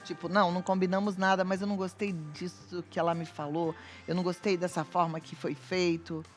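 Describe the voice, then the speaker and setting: A woman's voice: on the low side, fairly even intonation, fairly quick, soft background music. A woman with a Brazilian accent hosting a talk show, asking the guest and the audience questions in a chatty way. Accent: Brazilian Portuguese. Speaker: TV show host.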